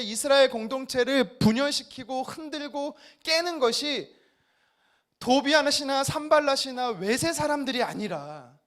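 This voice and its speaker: Animated man preaching a sermon. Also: extremely high pitch. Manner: emphatic, asks the congregation rhetorical questions. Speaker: pastor. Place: church service.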